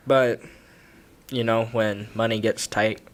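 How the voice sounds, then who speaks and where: A man's voice: fairly low pitch, level tone, slow pace. A teenage boy co-hosting a student podcast in casual chat, agreeable and easygoing, often chuckling along. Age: late teens.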